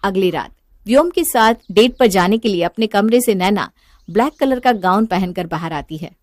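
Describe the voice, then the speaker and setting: A woman narrating a family bedtime story in an animated, scripted style. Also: mid-range voice, normal speed, dry recording, clean studio sound.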